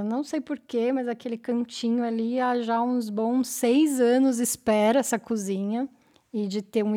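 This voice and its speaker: Woman guest, slightly high voice, easygoing and chatty, studio interview. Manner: relaxed, rambling with fillers like "né" and "então". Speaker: interview guest, cultural center member. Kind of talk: podcast interview. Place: radio studio.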